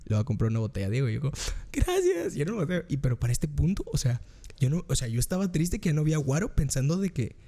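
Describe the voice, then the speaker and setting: A young man with a Guatemalan Spanish accent telling a story in casual chat, acting out his own reactions in high squeals. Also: expressive, racing, warm tone.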